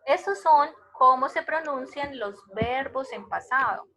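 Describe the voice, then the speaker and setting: Slow, bright-voiced woman teaching English. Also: sits high, animated, poor audio. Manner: slow, patient explaining, repeats words to model pronunciation. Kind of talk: online class lecture. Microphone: computer mic on a web conference.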